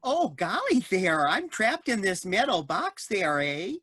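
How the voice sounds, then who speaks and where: A woman's voice: mid-range voice, big pitch swings, measured pace, fairly bright tone, husky, no echo, studio quality, exaggerated voice. A woman voicing a fretful male cop trapped in a machine, with a put-on Canadian accent and a folksy manner. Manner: folksy, fretful, says "eh" and "golly".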